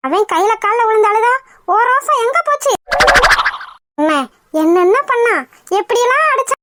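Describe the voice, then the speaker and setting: Woman playing a squeaky taunting old granny. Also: expressive, normal speed, heavy background noise. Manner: scolding, taunting. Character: nagging teasing old grandmother. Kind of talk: cartoon voice acting.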